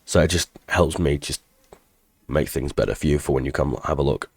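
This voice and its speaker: A man's voice: very deep voice, brisk, husky, no echo. A man, stuffed up from a cold, hosting a rambling, self-deprecating update for his tech tutorial channel at his computer. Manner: rambling, self-deprecating, restarts mid-sentence. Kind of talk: casual channel update with screen walkthrough.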